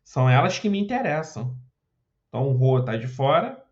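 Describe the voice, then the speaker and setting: A man's voice: mid-range voice, big pitch swings, normal speed, muffled recording. A man teaching Portuguese grammar for an exam, explaining step by step and often checking in with short questions. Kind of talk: exam prep lesson walking through questions.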